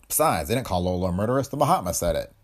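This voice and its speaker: A man's voice: deep voice, big pitch swings, very fast. A man reading as a wisecracking tough private eye. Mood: terse. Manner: hard-boiled, wisecracking.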